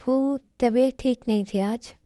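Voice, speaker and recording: A woman voicing a soft pleading young wife. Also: a little high, fairly even intonation, unhurried, dry recording, studio quality, close to an everyday voice. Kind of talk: Hindi fan dub.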